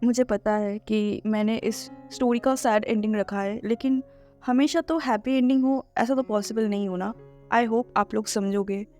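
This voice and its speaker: A woman's voice: a little high, fairly even intonation, moderate pace, mellow, faint music behind. A woman narrating a fan fiction story in an earnest, emotive way, then chatting to her viewers.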